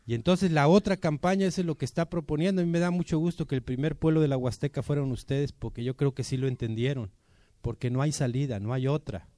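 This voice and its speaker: Mellow Mexican man giving a rousing speech. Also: a little high, fast talker, dry recording. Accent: Mexican Spanish. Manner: colloquial and persuasive, full of rhetorical questions. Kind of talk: informal political speech to an assembly.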